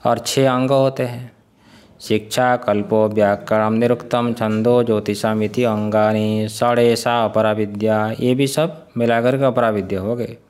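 A male spiritual teacher giving a scripture class, often putting questions to his listeners, chuckling and sounding out syllables slowly. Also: fairly low pitch, fairly even intonation, a little mellow, clean tone. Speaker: Vedanta teacher.

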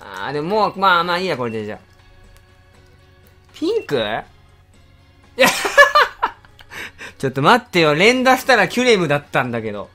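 A man hosting a game channel, giving live commentary with excitable exclaiming reactions and rapid grumbling. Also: sits high, soft background music.

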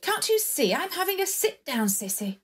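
A woman's voice: very high-pitched, very animated, normal speed, a bit bright, faint music behind, heavily acted. A woman playing a plummy posh lady. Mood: chatty. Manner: posh, fond of old-fashioned slang. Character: plummy upper-class woman Rose, tired.

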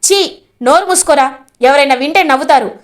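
A stern, harsh middle-aged father in a family drama, as a woman narrator puts him on. He scolds quickly and sharply, his high voice pushing louder. Firm and threatening. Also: close to an everyday voice. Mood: scolding.

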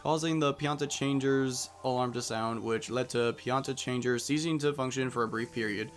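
At a normal speed and a steady medium pitch, a young let's play host chats wryly about the game he's playing. He reads on-screen text aloud using put-on voices as faint game music plays underneath.

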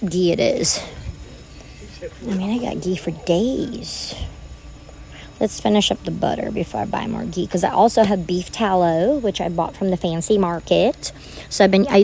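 A woman's voice: mid-range voice, fairly even intonation, moderate pace, creaky, rough recording. A woman vlogging as she shops in a large store, chatting to her viewers in a rambling, casual way. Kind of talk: casual chat while shopping.

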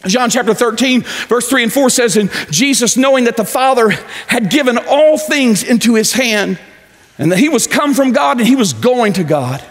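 A pastor in his forties preaching a sermon on a large church stage, pacing as he talks and swinging from loud to low. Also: expressive, moderate pace. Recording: echoey church hall.

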